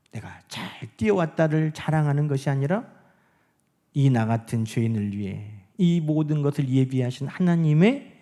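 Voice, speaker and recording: A man preaching from the pulpit in a high voice that leaps up and down. He puts questions to his congregation and moves between ringing emphasis and soft, almost whispered words. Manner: asks the congregation rhetorical questions; swings between loud emphasis and hushed, near-whispered lines. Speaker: pastor. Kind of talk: sermon. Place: church sanctuary.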